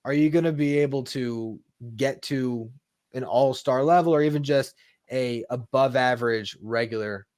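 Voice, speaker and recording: A man's voice: mid-range voice, normal speed, a little mellow, dry recording. Conversational man, dry studio sound. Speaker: podcast co-host. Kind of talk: casual sports talk.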